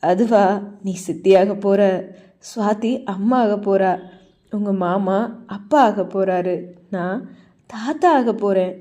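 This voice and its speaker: Woman putting on a gentle, doting old father. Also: medium pitch, takes it slowly, pauses often, pitched below the performer's own voice, natural voice. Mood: tender. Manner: soothing, comforting.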